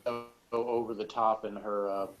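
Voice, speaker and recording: There's soft background music, along with noticeable noise and ambience, as a man with a lowish voice discusses TV episodes as a guest reviewer. He speaks at a moderate pace with little pitch movement, thinking aloud in a rambling, tentative way.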